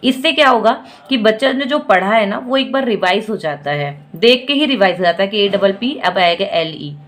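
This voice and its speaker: A woman teaching parents how to help children learn fruit spellings. She breaks each word into sounds and repeats them slowly and patiently. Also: medium pitch, animated, a bit bright. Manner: slow, drawn-out syllable-by-syllable spelling; patient and instructive. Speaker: teacher giving parenting tips.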